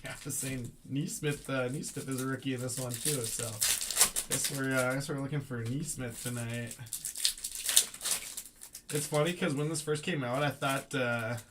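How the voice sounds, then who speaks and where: Man, casual card-break host, slangy excitable sports-fan chatter, mid pitch, very noisy recording with clicks. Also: moderate pace. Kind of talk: casual live-stream card-breaking commentary. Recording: clearly noisy, clicking and rustling.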